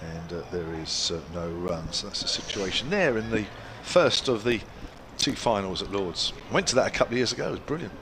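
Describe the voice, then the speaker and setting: A man commentates live on cricket in a fairly low voice. He is chatty, calling play and scores in short phrases. Outdoor ambient noise is clearly audible behind him. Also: expressive, brisk, hardly any pauses. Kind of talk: live cricket commentary, conversational with match updates.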